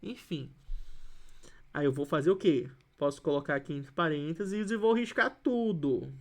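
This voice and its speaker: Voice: medium pitch, a little slow. A teacher with a Brazilian accent, giving an online lesson and explaining while writing. Patient, repeats each example and keeps checking that students follow. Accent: Brazilian Portuguese.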